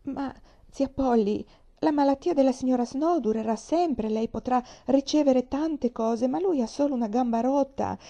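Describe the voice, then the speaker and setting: A woman's voice: sits high, moderate pace, vocal fry, warm tone, highs cut off, pitched above the performer's own voice. A woman reading aloud, voicing a cheerful, earnest little orphan girl in a raised, pleading voice.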